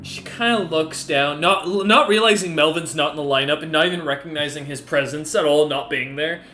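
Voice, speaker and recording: A man narrating a tabletop game as game master, improvising in a halting way as he thinks aloud. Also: fairly high pitch, pushed and bright.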